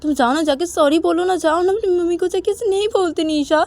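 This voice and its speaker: A woman's voice: mid-range voice, a little fast, warm tone, breathy edge, lightly acted. A woman voicing a caring young woman who urgently pleads and insists. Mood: pleading.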